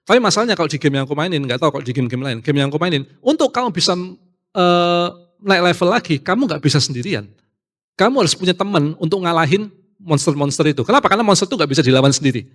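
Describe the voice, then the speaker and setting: Animated youth preacher man. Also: on the high side, fast. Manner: animated, acts out quoted voices, mixes in English phrases. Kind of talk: casual youth sermon.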